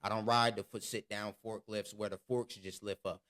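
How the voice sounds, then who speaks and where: A man's voice: on the low side, moderate pace. Laughing man telling a story. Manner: animated storytelling, laughs while talking. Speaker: podcast co-host. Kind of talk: casual chat.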